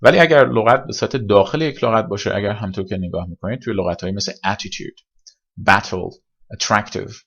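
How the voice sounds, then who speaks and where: A man teaching English pronunciation in a recorded lesson, explaining step by step and repeating examples slowly. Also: fairly low pitch, gravelly, a bit bright, breathy edge, highs cut off.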